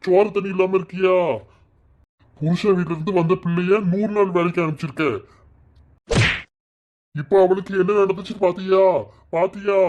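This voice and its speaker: A man voicing a furious farmer father in a cartoon, shouting accusations in a Kanyakumari Tamil accent. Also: sits high, lo-fi sound, close to an everyday voice. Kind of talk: cartoon voice acting.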